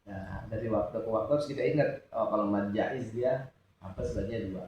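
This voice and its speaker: Male religious teacher, lowish voice, quizzes students as he goes, echoey distant recording. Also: fairly even intonation, a little fast, a little mellow, a little hiss or hum. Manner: asks students questions and lets them answer. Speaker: Quran recitation teacher. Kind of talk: informal religious lesson. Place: mosque study hall. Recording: echoey room, distant mic, dull sound.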